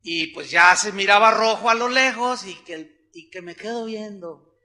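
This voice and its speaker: High, bright-voiced Mexican pastor storytelling. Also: male voice, moderate pace. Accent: Mexican Spanish. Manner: storytelling, conversational, acts out voices of others. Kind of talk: sermon.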